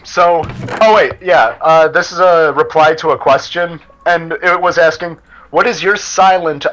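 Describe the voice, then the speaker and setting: A fairly high-voiced man reads a funny story to his friends over game chat, laughing now and then and tripping over longer words. His mic is noisy, with gunfire and mouse clicks behind him. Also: fairly bright tone, lo-fi sound. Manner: laughs and stumbles over words while reading. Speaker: story reader. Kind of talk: casual reading aloud to friends during a game.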